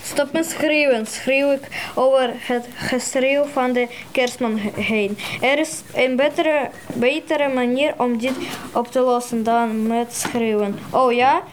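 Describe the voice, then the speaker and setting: A young girl reading a story aloud, halting and restarting over words. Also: on the high side, slight background noise, poor audio. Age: child.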